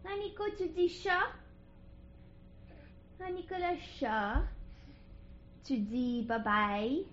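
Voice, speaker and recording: A woman, a parent talking to her toddler in a slow, sing-song, coaxing baby-talk voice in a home video. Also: high voice, very animated, a bit bright, a little hiss or hum. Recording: echoey, slightly muffled home video.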